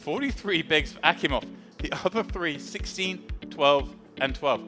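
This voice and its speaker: A man's voice: fairly high pitch, expressive, moderate pace. A man doing live poker tournament commentary, narrating the action in short dramatic phrases over music.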